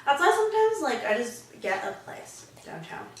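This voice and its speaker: A woman co-hosting a casual chat while eating, giving her opinions in an animated way. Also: high voice, normal speed, very noisy. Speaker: co-host. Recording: echoey room, mic from far.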